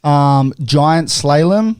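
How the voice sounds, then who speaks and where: Young aussie guy hosting a podcast, smooth clear voice, dry close sound, rambly and chill. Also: fairly high pitch, lively intonation, very slow, a little mellow, no echo. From Australia. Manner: laid-back, rambling with fillers like "you know". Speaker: podcast host. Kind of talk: casual chat.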